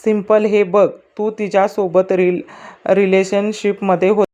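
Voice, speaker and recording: A woman voicing a young man who is a blunt, loyal best friend in a spoken story, talking loud and direct. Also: medium pitch, little pitch movement, a little slow, highs cut off, natural voice.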